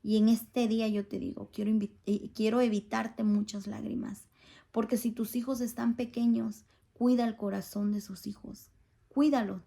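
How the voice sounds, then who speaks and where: Middle-aged woman, church testimony speaker: earnest and pleading, somewhat high voice with a gravelly edge. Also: level tone, moderate pace, warm tone. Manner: earnest, pleading, asks listeners for agreement. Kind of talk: spoken testimony to a congregation.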